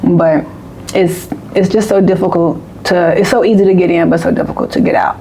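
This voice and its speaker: A woman's voice: on the low side, steady tone, fairly quick, mellow, a little hiss or hum, low-quality recording. A woman in her late twenties or thirties, co-hosting a podcast in candid, emphatic casual conversation. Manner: candid, emphatic, repeats phrases. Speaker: podcast co-host.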